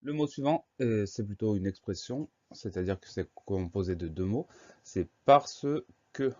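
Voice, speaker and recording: A low-voiced male teacher with a mellow tone walks through a spelling lesson, spelling each word letter by letter. He speaks slowly and patiently. The recording is a bit dull and lo-fi. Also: lively intonation.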